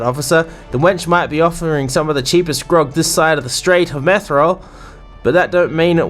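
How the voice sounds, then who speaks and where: A man's voice: a little high, pitched above the performer's own voice, lightly acted. A man putting on a salty pirate innkeeper. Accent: put-on English pirate accent. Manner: salty slang, rambling banter. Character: boisterous male sailor innkeeper, bawdy and jovial.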